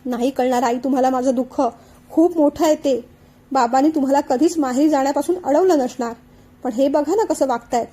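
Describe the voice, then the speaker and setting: A young wife, sulking and complaining through tears to her in-laws, as a woman narrator reads her. High and mellow, she pleads in a hurt, tearful voice. Audiobook family drama. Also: fairly quick, close to an everyday voice. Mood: tearful complaint.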